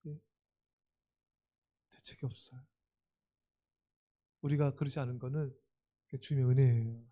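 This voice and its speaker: A middle-aged man preaching a sermon as pastor, moving from soft, gentle lines to loud, emphatic ones and acting out the voices in his quotes. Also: mid-range voice, fairly even intonation, a little slow.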